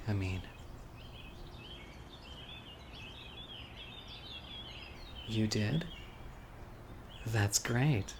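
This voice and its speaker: A lower-pitched man plays a sweet, eager young man who is critically ill and hides an obsessive side, speaking to his date in an intimate boyfriend monologue. He sounds anxious yet pleased, hesitant and soft, muttering whispered asides. Birds, crickets and insects chirp outdoors, with a little background noise.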